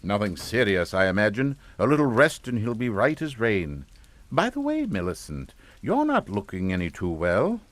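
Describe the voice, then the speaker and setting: In a radio suspense drama, an actor voices a genteel, middle-aged English family patriarch who is pompous, formal, and falsely jovial, smoothly hypocritical and unflappable. His fairly low voice swings hugely in pitch at a moderate pace, sounding smoothly genial. There's no echo.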